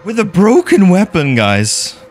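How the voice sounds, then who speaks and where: This young man's voice sits high and runs a little slow, with some slight background noise. Streaming live from a gaming room in his Dutch accent, he excitedly comments on play, reads chat aloud, and swears freely with his viewers.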